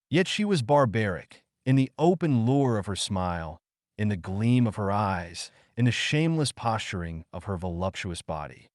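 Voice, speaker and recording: A man reading an audiobook in a dramatic, expressive way. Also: fairly low pitch, no echo, clean studio sound. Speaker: audiobook narrator. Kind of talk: scripted audiobook narration.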